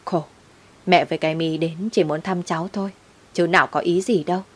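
A woman's voice: on the low side, fairly even intonation, brisk, slightly rough. A woman voicing a self-righteous older grandmother who scolds and reproaches. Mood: reproachful. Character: scheming older mother-in-law, reproachful.

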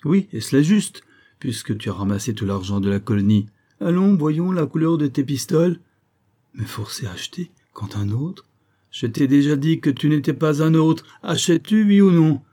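A man voicing a blunt, bossy soldier orderly who talks loudly and bullies. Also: medium pitch, very animated, normal speed, voice pushed up. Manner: blunt, loud, bullying.

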